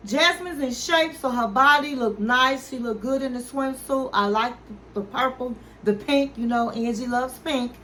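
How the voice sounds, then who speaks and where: A woman with a high, bright and forceful voice rattles through a casual reality-show recap at a moderate pace with hardly any pauses, acting out everyone she quotes in chatty storytelling. Slight background noise mars the low-quality recording.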